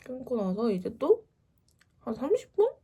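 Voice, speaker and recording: Husky young woman telling a story. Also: fairly high pitch, measured pace, highs cut off. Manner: animated, acts out quoted lines. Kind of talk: casual storytelling.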